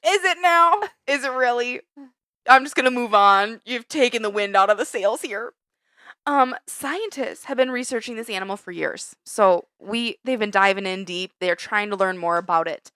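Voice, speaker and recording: A woman co-hosting a casual podcast, animated and exasperated, swearing freely. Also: a little high, moderate pace, clear, resonant tone, no room sound. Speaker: podcast co-host. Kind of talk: casual chat.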